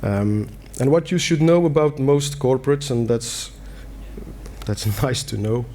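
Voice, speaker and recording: In a warm, mid-range voice and an unhurried manner, a middle-aged Belgian man with a Belgian Dutch accent, Dutch being his native tongue, gives an earnest conference-hall talk in simple language, complete with fillers and restarts.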